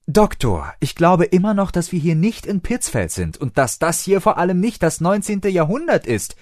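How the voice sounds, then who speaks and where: A teasing, adventurous young woman, as a male reader puts her on, calls out insistently. Her pitch sits far above the reader's own and moves a lot. The sound is dry and close. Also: huge pitch swings, slow pace, dry recording, heavily acted.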